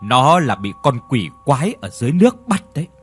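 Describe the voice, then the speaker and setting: A man voicing a secretive old male former exorcist who talks low and confiding. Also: sing-song, a little fast, husky, faint music behind. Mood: hushed, grave.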